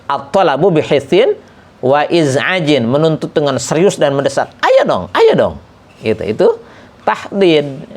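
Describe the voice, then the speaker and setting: A man teaching a religious kitab study lesson, explaining step by step and reciting Arabic examples slowly. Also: mid-range voice.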